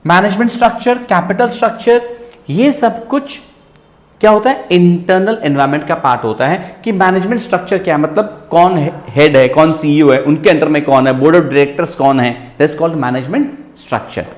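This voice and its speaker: A man teaching a business class in a lively lecture style, often checking in with his students. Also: a little high, normal speed, echoey room. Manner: lively, asks students rhetorical checks, mixes English into Hindi.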